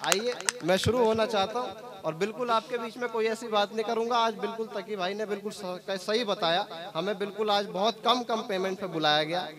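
A man's voice: sits high, fairly quick. A young man performing comic poetry patter on stage, chatty and teasing, forever assuring the crowd he is telling the truth, through a stage microphone at a live gathering. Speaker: stand-up poet. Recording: lively crowd reacting behind.

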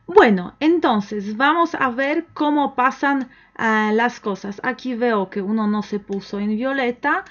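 A woman with a somewhat high voice gives an online language lesson. She speaks slowly and patiently, asks the learner questions and waits for the answers. The recording sounds dull and lo-fi. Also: a bit bright. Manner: slow, patient, encouraging, with pauses for the learner to answer. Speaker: language teacher.

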